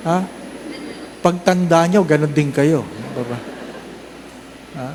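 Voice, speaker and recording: A man's voice: fairly high pitch, takes it slowly, a little mellow, a little hiss or hum. A man with a Filipino accent, a priest giving a humorous homily at Mass, mixing English and Tagalog and acting out parishioners in shifting voices. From Philippines. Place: church during Mass.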